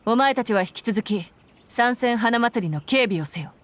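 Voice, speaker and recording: For a Japanese video game, a woman plays a stern, dutiful military commander, using a fairly high, natural voice that is fast and expressive. Her tone is formal, clipped and earnest, and faint music runs underneath.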